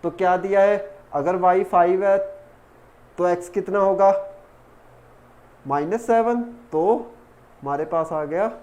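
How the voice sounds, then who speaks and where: A man's voice: sits high, slow pace, pauses often, darkish tone. A man teaching a math lesson step by step, counting terms aloud as he works. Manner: talks while working, counts terms aloud. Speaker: math tutor.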